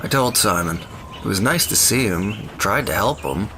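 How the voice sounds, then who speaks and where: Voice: low voice, expressive, moderate pace, noisy background. An actor playing a glum, sardonic, apologetic wasteland survivor in a comic audio drama.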